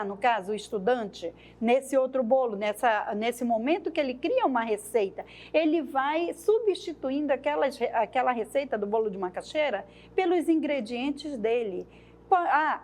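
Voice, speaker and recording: A woman's voice: sits high, darkish tone. A woman training teachers, explaining lesson activities at a thoughtful pace and often adding tag questions.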